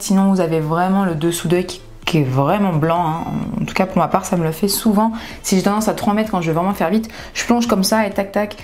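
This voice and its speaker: A woman's voice: medium pitch, a little mellow. A woman beauty vlogger with a groggy morning voice, chatting casually through a makeup tutorial. She is candid and often trails off and restarts her sentences.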